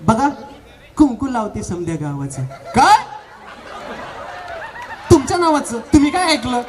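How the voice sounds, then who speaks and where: A man's voice: extremely high pitch, wildly swooping pitch, measured pace, distant mic, a crowd in the background, background noise, heavily acted. A man doing a sing-song teasing village wife. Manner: bickering, sing-song, listing things off. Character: chatty rural village wife, middle-aged, proud and teasing. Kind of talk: comic stage play.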